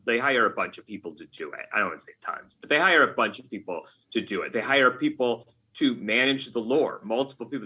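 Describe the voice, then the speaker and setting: Speaking on the low side with a bright, forceful tone and a breathy edge, an American man answers questions as a podcast guest. He's a video game writer and keeps it conversational, frequently stopping to rephrase and restart his explanations.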